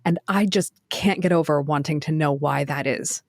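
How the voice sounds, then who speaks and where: Low-voiced woman podcast host, lively. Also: normal speed, no echo. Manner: animated, laughs often, acts out quoted survey answers. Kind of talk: casual podcast discussion.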